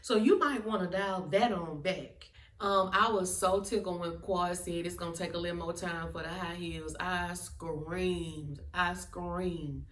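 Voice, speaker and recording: A woman with a lowish voice gives a sassy, blunt, emphatic casual review of a reality TV episode. She is recorded off-mic from a distance in an echoey room.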